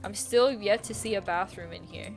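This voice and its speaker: A young woman talks her way through a game stream in a loose, rambling way, giggling often and swearing now and then. Her voice sits at an ordinary middle pitch, and faint music plays behind her. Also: moderate pace, gravelly. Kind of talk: casual game stream chat.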